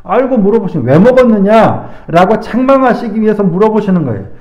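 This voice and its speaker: A man with a high voice and a mellow, darker tone preaches a sermon at a slow, deliberate pace. His words carry through a roomy church with dull, muffled audio. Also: very animated. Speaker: pastor. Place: church sanctuary.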